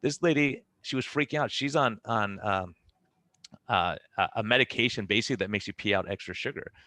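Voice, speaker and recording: A middle-aged doctor talks quickly on a podcast, with a bright, forceful tone over a fairly low voice. He tells stories with energy and acts out his patients' lines as he goes. The sound is close and dry. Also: no room sound. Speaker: physician guest. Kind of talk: podcast conversation.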